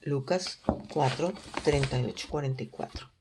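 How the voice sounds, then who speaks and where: A woman teaching a Bible study in an earnest, measured way, often posing questions to her listeners. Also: rumbling low, a little mellow, a little hiss or hum.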